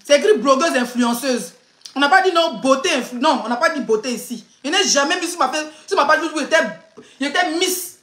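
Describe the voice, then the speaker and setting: Woman influencer, high chatty voice, teasing live-stream rant in a roomy space. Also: lively intonation, brisk, a bit bright. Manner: chatty, laughing, teasing and ranting. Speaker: blogger and influencer. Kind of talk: casual live stream chat. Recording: roomy echo.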